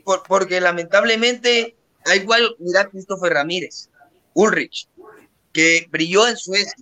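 A man's voice: sits high, unhurried, bright, forceful tone. A young Guatemalan man with a Guatemalan Spanish accent, giving firm opinions in a casual sports chat. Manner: opinionated, emphatic, uses "vos". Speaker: podcast co-host.

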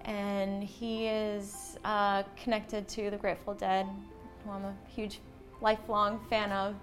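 Faint music sits behind a mid-range, monotone female voice that moves a little slowly. The speaker is an American textile designer and shopkeeper, originally from Slovakia and relocated to the US at seven, chatting casually and eagerly about running her small business in an interview.

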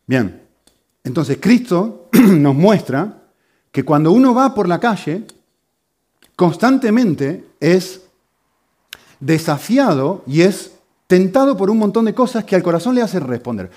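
Lively, animated preacher man. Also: high-pitched. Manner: brisk, explanatory, with frequent checking "¿sí?". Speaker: pastor. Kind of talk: sermon teaching.

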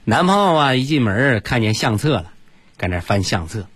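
Husky man telling jokes. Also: normal speed, no room sound. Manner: lively, jumps into loud high voices for quoted characters. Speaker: comedy storyteller. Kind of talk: casual joke-telling monologue.

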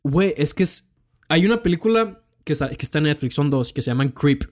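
A man's voice: fairly high pitch, animated, a little fast. A young man with a Mexican accent, chatting casually about films with plenty of slang and swearing. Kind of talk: casual film chat.

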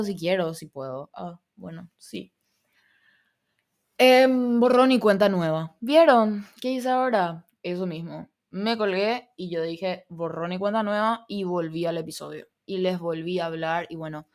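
A young woman from Paraguay hosts her own podcast, talking casually on her own. Her Spanish carries Argentine touches, and her voice sits a little low for a woman. She rambles from thought to thought, giggles often and pokes fun at herself. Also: measured pace, darkish tone. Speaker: podcast host. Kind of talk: casual solo podcast chat.

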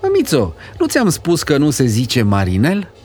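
A man voicing an exasperated young mother who talks in a high, fretful, scolding way. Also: wildly swooping pitch, a little mellow, soft background music. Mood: correcting.

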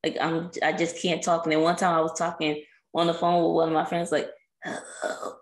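A woman co-hosting a podcast in casual chat, hoarse from an irritated throat, laid-back and chatty. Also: sits low, flat delivery, fairly quick, reverberant. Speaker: podcast co-host.

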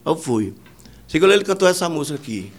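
A man's voice: a little high, very animated, quick pace. A man, a musician and producer, telling rambling anecdotes in a casual interview, full of fillers and quoted dialogue.

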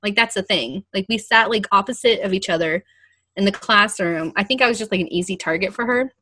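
A woman's voice: mid-range voice, brisk, sharp tone. A young woman co-hosting a podcast, telling stories in casual chat with lots of laughter and fillers. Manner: laughs often, filler-heavy storytelling. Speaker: podcast co-host.

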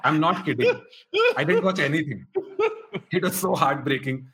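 A man's voice: a little high, normal speed, fairly bright tone, a little hiss or hum. A man with an Indian accent telling casual, humorous, self-deprecating stories as a talk show guest.

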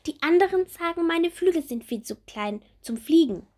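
A woman's voice: animated, moderate pace, a little mellow. A woman voicing a little bumblebee girl who is timid and full of wondering questions, in a storybook. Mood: wondering eager. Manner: high, eager, questioning.

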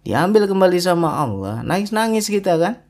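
A man preaching a religious sermon, emphatic and full of rhetorical tag questions, his pitch swinging widely. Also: very animated, moderate pace, a little mellow.

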